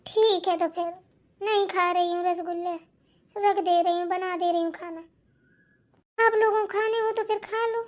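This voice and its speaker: A woman's voice: very high-pitched, fairly even intonation, moderate pace. A woman doing a chatty young daughter-in-law. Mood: plain. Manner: chatty, addresses viewers directly. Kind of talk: cartoon voice acting.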